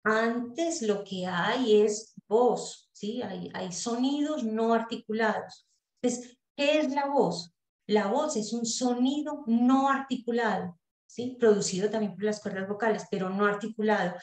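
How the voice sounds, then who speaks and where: A woman's voice: a little high, darkish tone. A woman leads a study group, explaining step by step with frequent hesitations and checking questions. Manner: deliberate, hesitant, with frequent "eh" pauses and rhetorical checks. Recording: roomy echo.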